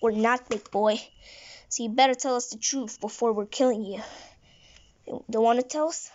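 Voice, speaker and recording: A woman's voice: fairly high pitch, fairly even intonation, moderate pace, a little mellow, slight background noise, close to an everyday voice. A woman voicing a blunt, trigger-happy male police officer who rambles and restarts his sentences. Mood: grim. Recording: dull lo-fi recording.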